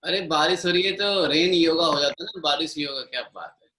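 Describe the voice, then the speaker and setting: A man's voice: fairly high pitch, fairly quick, sharp tone, reverberant, low-quality recording. A middle-aged man with an Indian accent teaching a live online yoga class, switching between Hindi and English and coaching students by name.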